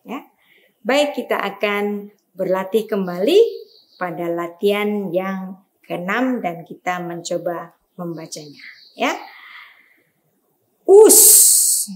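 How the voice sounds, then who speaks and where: A woman with an Indonesian accent teaching a beginner reading lesson, over-enunciating example words with emphasis and often adding a short check-in tag. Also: mid-range voice. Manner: didactic, frequently checking in with a tag word. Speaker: language teacher.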